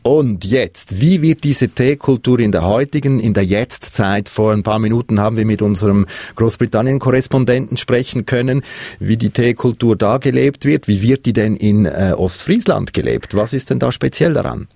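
A man's voice: mid-range voice, normal speed, gravelly, warm tone, no echo. A man hosting a radio interview, who asks curious, lightly joking questions. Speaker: radio host. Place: radio studio.

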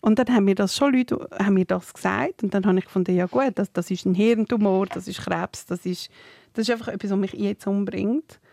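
A woman in her thirties with a Swiss German accent, co-hosting a podcast and telling stories in a lively way with frequent laughs. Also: mid-range voice, gravelly, no room sound, studio quality. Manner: animated storytelling, quick to laugh. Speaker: podcast co-host. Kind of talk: casual chat.

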